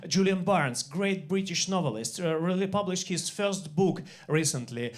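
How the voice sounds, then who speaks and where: A man in his forties from Russia with a Russian accent, doing a stand-up comedy set on a club stage, deadpan and halting with many fillers and restarts. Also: high-pitched. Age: 40s.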